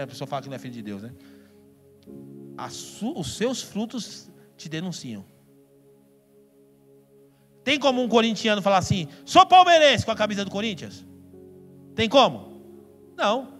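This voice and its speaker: A Brazilian man preaching a sermon with a high, animated voice that leaps up and down in pitch. He is emphatic and playful, jumping into loud outbursts. His voice rings through a church hall with a long reverb and faint music behind him. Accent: Brazilian Portuguese. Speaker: pastor.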